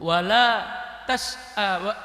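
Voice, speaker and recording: A man voicing a pious old woman pilgrim who answers in slow, solemn chanted recitation. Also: high-pitched, pushed and bright, full character voice. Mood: solemn reciting. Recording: echoey hall reverb.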